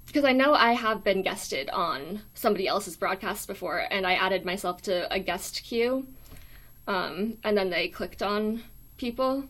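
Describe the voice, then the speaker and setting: A woman's voice: medium pitch, measured pace, a bit bright. A young adult woman from the United States with a weak, thin voice, hosting a casual livestream in a hesitant, apologetic way. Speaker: live stream host. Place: small dorm room.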